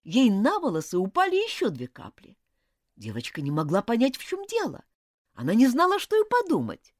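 Animated woman reading a children's story. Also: on the high side, moderate pace, no echo, studio quality. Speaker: audiobook narrator. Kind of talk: expressive storybook narration.

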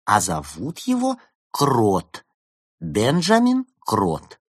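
A man's voice: medium pitch, sing-song, normal speed, fairly bright tone, husky, no room sound, studio quality, voice pushed up. A man reading a storybook aloud, voicing a bossy, teasing young female fox. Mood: reporting. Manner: mocking, teasing. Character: bossy quick-tongued young vixen.

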